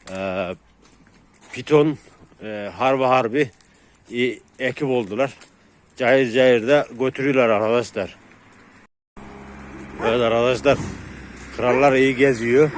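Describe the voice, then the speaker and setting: Walking dogs outdoors on a dark street at night, a man vlogs casually to his viewers in a medium-pitched voice. He hesitates with drawn-out fillers and calms the dogs by calling to them repeatedly.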